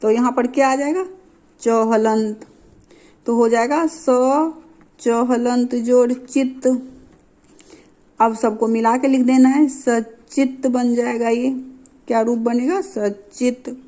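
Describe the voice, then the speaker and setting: A woman's voice: a little high, steady tone, dark tone. A woman teaching a grammar lesson. She repeats each term and example, asks questions and answers them herself, and keeps checking that her students are following. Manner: repeats terms and examples slowly for learners.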